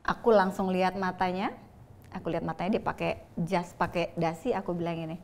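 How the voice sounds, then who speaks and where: A woman's voice: lowish voice, flat delivery, brisk, darkish tone, a little hiss or hum. A woman guest telling her faith story in a candid, chatty way, laughing between phrases. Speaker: interview guest. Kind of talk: casual faith testimony.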